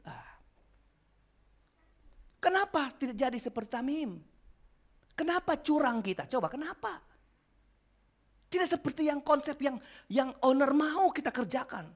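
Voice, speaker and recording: A male pastor with an Indonesian accent preaching a sermon, telling stories in acted-out voices and moving from quiet asides to shouted calls. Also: very high voice. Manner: animated storytelling that swings from quiet asides to shouted exhortation. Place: church.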